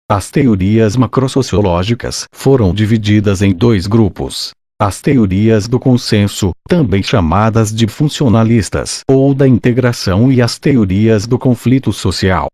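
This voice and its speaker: A man's synthetic, robotic voice with a Brazilian accent, reading scripted educational narration in a formal, measured way. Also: on the low side, dark tone, no echo, studio quality. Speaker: narrator of an exam study summary.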